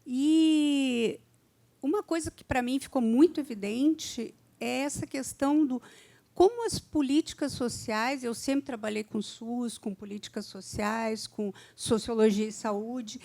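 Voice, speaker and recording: A woman's voice: fairly high pitch, a little slow, vocal fry, mellow. An older woman, a retired university lecturer, asking an author an earnest, winding question from the audience.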